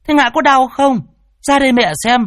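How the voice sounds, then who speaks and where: Dude doing a nagging mom voice, high and shrill, drawn out. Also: male voice, fairly even intonation, moderate pace, fairly bright tone, no echo, clean studio sound. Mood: scolding. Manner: scolding, nagging. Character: nagging middle-aged village mother.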